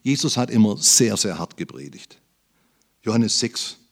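A man preaching a sermon, swinging between emphatic loud appeals and low, quiet asides. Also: big pitch swings, a little slow, gravelly.

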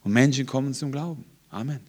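A man preaching a sermon, swinging from loud emphatic lines to hushed, low passages. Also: quick pace, husky.

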